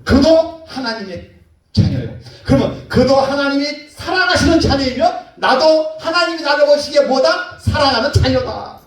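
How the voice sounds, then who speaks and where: A male pastor with a very high-pitched, animated voice preaches emphatically at normal speed, throwing rhetorical questions at the congregation in a church sanctuary. The hall is echoey and the mic sits far away.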